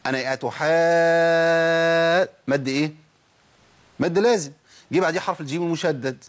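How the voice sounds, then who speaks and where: A man's voice: a little high, fast talker, slightly rough. A man with an Egyptian accent teaching Quran recitation, asking and answering his own questions and repeating sounds to demonstrate them. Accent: Egyptian Arabic. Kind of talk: tajweed lesson with spoken demonstrations.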